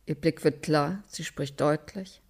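A narrator reads scripted audio description in a calm, matter-of-fact way. The pace is notably slow and unhurried, each phrase set apart. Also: mid-range voice, breathy edge.

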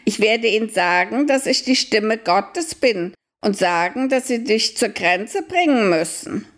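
A woman voicing a talking owl with a high, slow, drawn-out hooting voice. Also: animated. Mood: commanding.

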